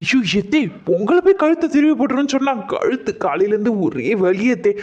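A woman's voice: on the high side, sing-song, a little fast, a little mellow, dull audio. A woman playing a meek young daughter-in-law who pleads and placates, in a comic skit. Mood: pleading.

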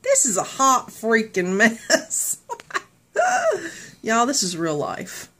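A woman's voice: a little high, wildly swooping pitch, drawn-out words, a bit bright, slightly rough. A woman, chatting casually to the camera, laughing often. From southern United States. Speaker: vlogger. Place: in a car, then at home indoors. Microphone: phone camera at arm's length.

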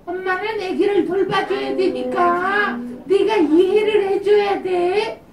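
A soft, squeaky little spirit of goodness coos patient advice, as a woman puppeteer puts her on. The words come slowly and carefully, and the voice sounds roomy and a little distant, as if taken from the back of a preschool room during a live puppet show. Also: over music. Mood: gentle pleading. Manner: soothing, patient, coaxing.

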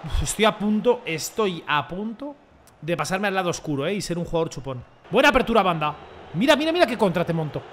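A young man commenting excitedly on his own football video game match, joking and shouting at big plays. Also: sits high, quick pace, a little hiss or hum. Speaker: gaming streamer.

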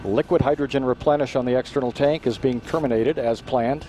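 A man giving formal, measured launch countdown commentary in a technical announcer's manner. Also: medium pitch, mellow, slight background noise.

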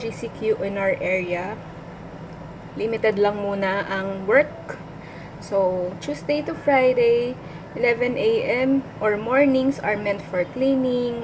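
A woman's voice: mid-range voice, background noise. A middle-aged woman with a Filipino accent, chatting casually while she eats on camera, laughing often. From Philippines. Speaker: food vlogger. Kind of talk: casual mukbang chat, mixing Tagalog and English. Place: small indoor workplace room. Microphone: built-in mic of a front camera at arm's length.

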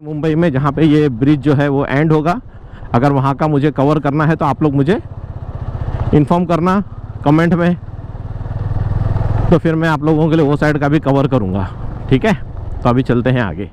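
A man's voice: fairly high pitch, normal speed, long pauses, a little mellow, slight background noise. A man talking casually as a motovlogger while riding a motorbike outdoors, explaining what he passes and often checking in with viewers. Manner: chatty, explains as he goes, keeps asking "theek hai na". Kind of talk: casual ride commentary. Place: outdoors on a motorbike by city roadworks.

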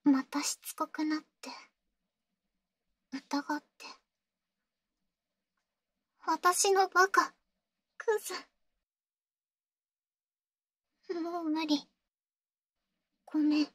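Very high-voiced, sweetly obsessive clingy girlfriend, ASMR role-play. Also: a bit bright, dry recording. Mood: anxious, self-loathing. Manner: sweet, eerily obsessive, pleading, halting. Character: clingy, insecure, obsessive yandere girlfriend, young woman. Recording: close, dry ASMR audio.

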